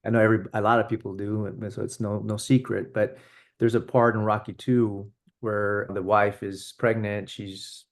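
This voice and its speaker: An earnest man with a fairly low voice talks in a relaxed, conversational way. He keeps circling back and restarting his sentences as he tells a story. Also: normal speed. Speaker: podcast co-host. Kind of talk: casual conversation.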